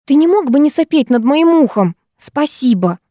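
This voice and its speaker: A woman reading an audiobook, voicing an indignant teenage schoolgirl with shrill outraged outbursts. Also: fairly even intonation, brisk, a little mellow, no room sound, clean studio sound, close to an everyday voice.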